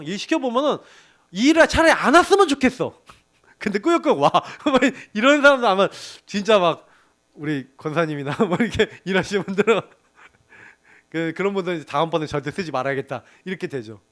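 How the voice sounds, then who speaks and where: Lively high-voiced pastor telling stories. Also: male voice. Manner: animated storytelling with laughs and acted quotes. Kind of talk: sermon to a young adults group.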